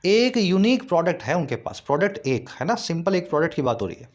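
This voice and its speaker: Guy tutor going over grammar for exam kids, bit high pitched, keeps repeating stuff and asking the class. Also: sing-song, fast. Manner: patient, repeats key points, asks questions to the class. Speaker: English tutor. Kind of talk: explaining grammar to exam students.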